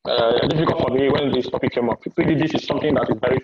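A man moderating an online panel discussion through a wireless earpiece, his audio crackling and breaking up over the call, speaking in a halting way with frequent pauses. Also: mid-range voice, fairly even intonation, over a noisy crowd. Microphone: wireless earpiece on a video call. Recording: muffled, roomy video call audio.

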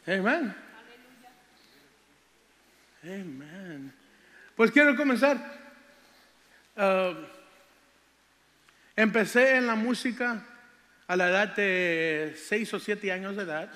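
An older man delivers a sermon testimony, drawing out scripture fervently before wandering into folksy stories from his childhood. His voice is high for a man, expressive, bright, and forceful. Long reverb fills the church hall around him.

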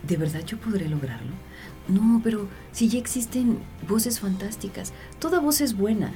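A woman's voice: mid-range voice, lively intonation, normal speed, dark tone, faint music behind. A woman, a voice actress and teacher, explaining voice work in a confident, playful interview.

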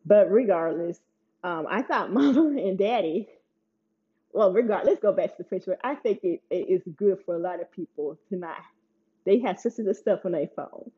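A chatty woman recaps TV in a relaxed, rambling way and laughs between points. Her voice has a husky, breathy edge. The recording sounds slightly dull and lo-fi. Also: medium pitch, moderate pace. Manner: chatty, laughs often, playful asides. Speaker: TV recap host. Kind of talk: casual chat.

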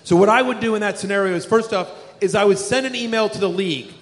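A man's voice: sits high, fast. A man hosting a live podcast before an audience, talking in a playful, rambling, self-mocking way. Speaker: podcast host. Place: large live music venue with audience. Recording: live hall with long reverb.

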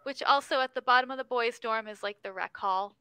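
A woman with a high, bright voice tells a story in casual chat on a podcast. She is animated and excitable and laughs a lot. The mic is close and the sound is dry. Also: brisk, clear, resonant tone, no echo. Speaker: podcast co-host.

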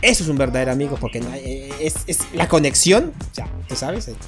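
A man's voice: mid-range voice, expressive, fast, music in the background. A man with a Colombian accent hosting a comedic podcast, joking playfully and acting out what his friends say. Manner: jokey, playful, acts out quoted friends. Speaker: podcast host.

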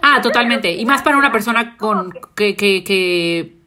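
A woman's voice: mid-range voice, expressive, normal speed, bright, forceful tone. A young woman, co-hosting a casual chat, thoughtful and often searching for her words. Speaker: podcast co-host.

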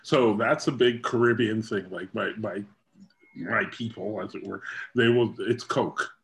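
A man's voice: fairly low pitch, unhurried, vocal fry. A man from Ontario with a Canadian accent, chatting and telling stories in a laid-back way. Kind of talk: casual chat.

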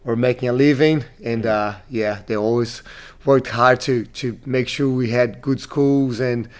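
A man's voice: mid-range voice, fairly even intonation, a little slow. A man from Brazil in his thirties, a gym owner being interviewed, talking casually with many restarts and fillers.

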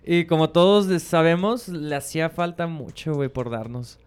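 A man's voice: on the high side, normal speed, clear, resonant tone. A man with a Mexican Spanish accent, co-hosting a podcast in casual, slangy chat and laughing often. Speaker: podcast co-host.

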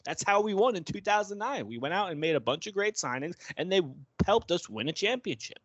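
Animated, lively-pitched male sports fan. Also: a little fast, no room sound, highs cut off. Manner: animated, profane, acts out quoted voices. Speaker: co-host of a sports fan show. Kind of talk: casual sports chat.

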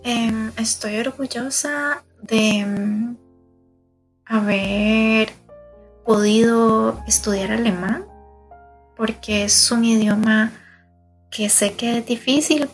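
A woman speaking carefully and hesitantly as a podcast guest. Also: mid-range voice.

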